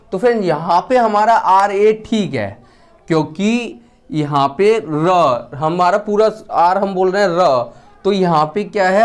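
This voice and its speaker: A man teaching a lesson. He asks questions, answers them himself, and repeats the key words slowly with a falling pitch. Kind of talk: classroom-style lesson.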